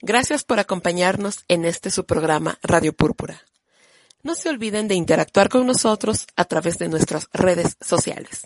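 A woman radio host reading a scripted program in a steady, formal way. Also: fairly low pitch, moderate pace, dry recording.

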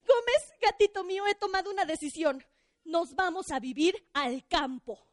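A woman's voice: very high-pitched, normal speed, dry recording, clean studio sound. A woman voicing a stressed, fussing female city witch in a dramatic, exclamatory way. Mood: exasperated.

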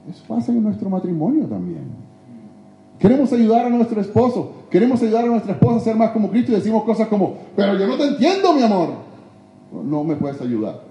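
Animated, dark-voiced man preaching in an echoey church. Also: high-pitched, fast, highs cut off. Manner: emphatic, swinging between loud exhortation and hushed confession. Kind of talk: sermon. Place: church sanctuary.

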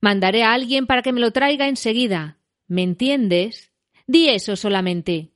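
A woman's voice: on the high side, normal speed, no room sound, studio quality, natural voice. A woman voicing a frightened young hobbit who stammers and pleads, in a storybook reading. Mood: shrill, dazed.

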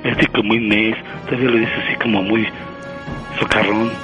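A man's voice: on the low side, flat delivery, normal speed, muffled recording, music in the background. A man, the target of a radio prank call, talking in an angry, threatening and exasperated way. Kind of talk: phone call.

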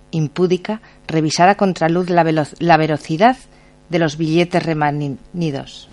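A male radio host reciting poetry in a grave, measured, deliberate reading in a radio studio. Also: on the high side. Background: faint music underneath.

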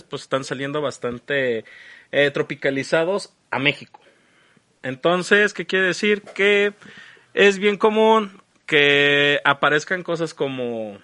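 This podcast co-host, who has a Mexican accent, keeps the review and chat casual, slangy and profane, in the manner of a live stream. He speaks on the high side with a sharp tone.

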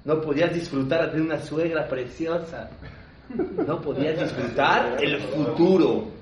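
A man giving a religious lesson. He tells stories emphatically, repeats himself, and swings between loud stresses and hushed asides. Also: a little high, normal speed, a little hiss or hum. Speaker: rabbi teaching a class. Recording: roomy, distant, dull hall recording.

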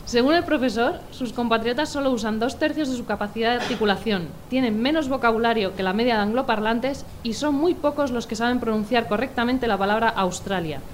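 A woman's voice: on the high side, brisk, hardly any pauses, slight background noise. A woman reading a comic news story in a dry, wry tone. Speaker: comedy news contributor.

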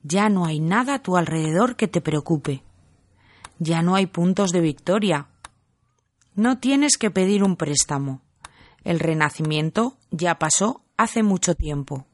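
A woman as a slow, soothing hypnotist. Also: fairly low pitch, no echo, studio quality. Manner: soft, slow, soothing delivery. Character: calm female hypnotist guiding a relaxation. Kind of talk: scripted guided-meditation sketch.

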